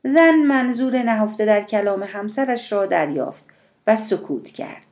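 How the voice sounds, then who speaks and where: Brief: female audiobook narrator, steady and measured, mid-pitched.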